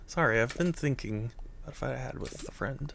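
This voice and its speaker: Guy doing a sad unsure game hero, artist type, quiet and confiding, really subdued. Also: mid-range voice, brisk, creaky, a little hiss or hum. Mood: downcast. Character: gloomy, self-doubting young artist, a reluctant wielder. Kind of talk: reading video game dialogue aloud.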